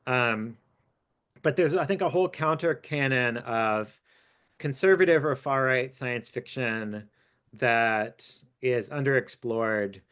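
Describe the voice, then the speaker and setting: A man's voice: mid-range voice, takes it slowly, a bit bright, clear, resonant tone. A man, an author, talking over an academic discussion in a thoughtful, hesitant way with frequent fillers. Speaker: author and guest speaker. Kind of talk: academic talk.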